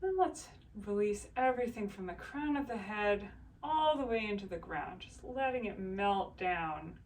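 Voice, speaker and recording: A woman voice teacher calmly guiding a breathing exercise and body scan, in slow, soothing instructions. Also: medium pitch, far from the mic.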